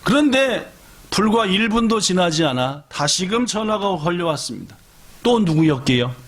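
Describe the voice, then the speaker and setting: Pastor telling a lively story. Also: male voice, high-pitched, normal speed. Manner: lively storytelling, asks the audience questions. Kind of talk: sermon storytelling.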